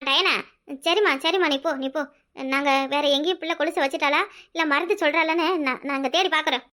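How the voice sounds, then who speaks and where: A woman's voice: sits high, fairly even intonation, quick pace, bright, forceful tone, voice pushed down. A woman voicing an anxious, placating middle-aged mother-in-law in a southern Tamil Nadu accent. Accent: southern Tamil Nadu dialect. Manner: soothing, apologetic.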